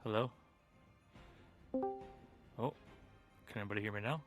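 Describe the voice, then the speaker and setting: A man's voice: fairly low pitch, unhurried, faint music behind. A man running a tabletop game as game master over a voice call, talking casually and laughing easily. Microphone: home computer mic on a voice call.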